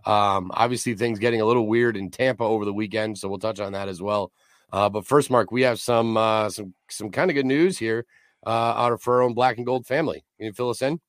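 A man with a hoarse, raspy, nearly lost voice hosting a casual sports podcast. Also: fairly low pitch, no echo. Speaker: podcast host and announcer.

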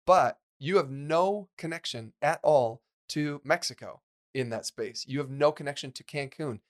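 A man's voice: fairly high pitch, moderate pace. A man co-hosting a podcast, chatting casually and rambling, with many fillers and restarts. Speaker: podcast co-host.

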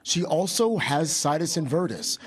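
A man's voice: fairly high pitch, animated, normal speed. A man narrating a scripted TV news report.

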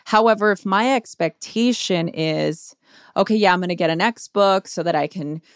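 A woman in an earnest advice talk, pitched a little low with a gravelly fry in her voice. She piles up rhetorical questions and repeats herself for emphasis. The sound is close and dry. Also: moderate pace, dry recording. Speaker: guest author. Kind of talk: reflective advice on a podcast.

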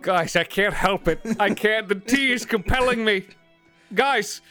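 A man's voice: sits high, unhurried, pushed and bright, smooth, faint music behind. A man voicing a melodramatic fishman pirate who pleads theatrically during a tabletop role-play game. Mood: desperate.

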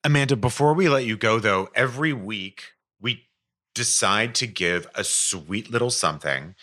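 A man co-hosting a podcast keeps things moving in an upbeat, agreeable manner. His voice sits somewhat low but sounds bright and forward. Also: moderate pace. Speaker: podcast co-host. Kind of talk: casual chat.

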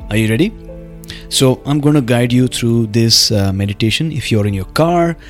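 A man's voice: medium pitch, normal speed. A man hosting a podcast in an earnest monologue, speaking directly to the listener. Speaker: podcast host and meditation guide. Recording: music under the voice. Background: background music.

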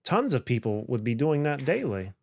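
A man hosting a podcast interview, encouraging his guest with quick affirmations. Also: medium pitch, big pitch swings, creaky, darkish tone, dry recording, studio quality. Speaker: podcast host. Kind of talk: casual interview chat.

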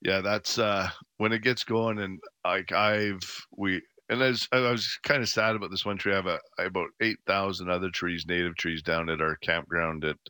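Man, middle-aged, lowish bright voice, folksy radio host, casual rambling advice, dry close studio sound. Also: steady tone, moderate pace, few pauses, clear, resonant tone, no room sound. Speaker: radio gardening phone-in host. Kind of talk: casual live call-in advice. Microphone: close studio microphone.

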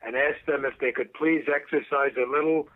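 A man's voice: medium pitch, steady tone, fairly quick. A man calling in over the phone to a podcast, telling his story in formal, wordy phrasing. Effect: heard over the phone. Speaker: caller. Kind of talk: casual phone call on a podcast. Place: lives in a big city apartment building. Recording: tinny phone line.

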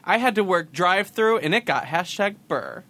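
A man's voice: high-pitched, expressive, moderate pace, bright, forceful tone. A man co-hosting a podcast in casual comedic chat, with a campy, sassy and theatrical delivery. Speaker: podcast co-host.

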